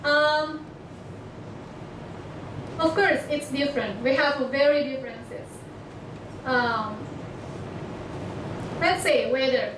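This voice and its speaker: Speaking halting English, with Batak as her native tongue, a young Indonesian international student presents about herself to an audience. Her high voice frequently stops while she hunts for words, and a far-off microphone in an echoing lecture hall picks her up along with obvious background noise.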